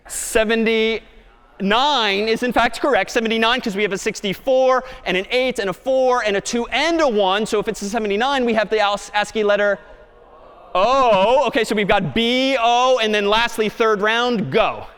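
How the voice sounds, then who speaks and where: A man giving a lively university lecture, coaxing volunteers and the audience along with a brisk, energetic manner. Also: high voice, clean tone. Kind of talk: university lecture with live demo.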